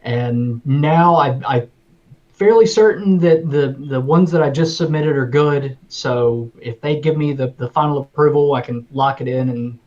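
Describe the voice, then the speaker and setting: A man's voice: mid-range voice, unhurried, a little mellow. A man who edits comics, talking casually on a livestream call and explaining a production delay matter-of-factly. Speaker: comic editor and production manager. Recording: dull lo-fi call audio.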